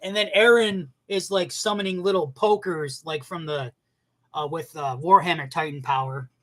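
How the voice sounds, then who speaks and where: A man giving a casual, profane rant as an anime commentator, animated and bursting into shouts. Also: on the high side, normal speed.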